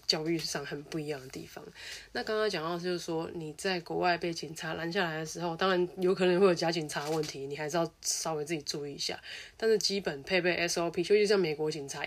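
A woman from Taiwan, hosting a casual advice monologue and acting out the lines of the people she talks about. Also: lowish voice. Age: adult who studied abroad. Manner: chatty, acts out quoted dialogue. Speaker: host.

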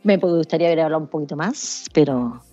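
A woman chats as a podcast guest in relaxed, easy replies. Her voice sits fairly low, with faint music underneath. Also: quick pace, muffled recording. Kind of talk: casual chat.

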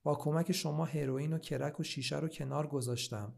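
A man voicing a troubled, ashamed male patient in a read-aloud story, speaking quietly and shakily. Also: on the high side, fairly even intonation, vocal fry. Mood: pained. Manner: quiet, shaky voice. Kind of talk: storybook reading.

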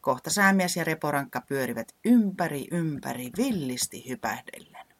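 Husky low-voiced woman storyteller. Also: dry recording. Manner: animated, guiding kids through movements. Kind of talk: children's action story narration.

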